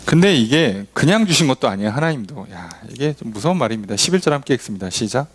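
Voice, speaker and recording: A pastor with a quick, medium-pitched voice leads a Bible study in a casual, conversational style, with slight background noise. Animated, he asks the congregation rhetorical questions and acts out quoted voices.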